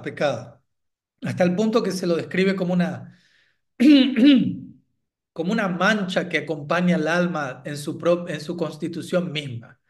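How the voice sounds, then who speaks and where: A man with a slightly high voice gives a devotional talk as a spiritual teacher. He speaks in a reflective, searching way, often checking in with his listeners. Now and then he pauses to clear his throat. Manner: reflective, asks "¿no?" after points.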